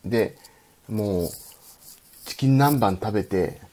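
A man's voice: on the low side, slow pace, warm tone. A man hosting a late-night solo live radio stream, rambling and chatty, reading listener comments aloud and answering them.

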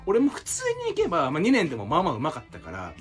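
A young man co-hosting a casual podcast, telling a story to friends, acting out quotes and bursting into loud exclamations. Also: a little high, wildly swooping pitch, racing, faint music behind. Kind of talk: casual chat among friends.

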